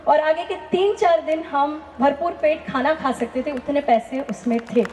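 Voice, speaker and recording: A woman's voice: high voice, a little slow, echoey room, a loud crowd, heavy background noise. A woman telling a personal faith testimony in an earnest, emphatic way, often asking rhetorical questions. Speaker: testimony speaker.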